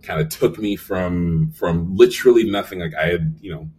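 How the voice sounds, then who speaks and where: A young man telling lively stories as a guest in a casual interview, acting out quotes with lots of fillers. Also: low voice, moderate pace, husky, far from the mic. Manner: animated storyteller, acts out quotes, frequent fillers. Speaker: animation supervisor guest.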